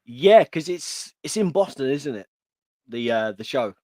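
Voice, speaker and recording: Co-hosting a wrestling livestream, a man chats in an enthusiastic, rambling, laid-back way. His mid-range, darkish voice is expressive and measured, recorded at studio quality with no room sound.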